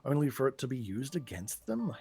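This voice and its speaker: A man with a husky voice role-playing casually as a tabletop player, phrasing things hesitantly and deliberately. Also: mid-range voice, big pitch swings, warm tone.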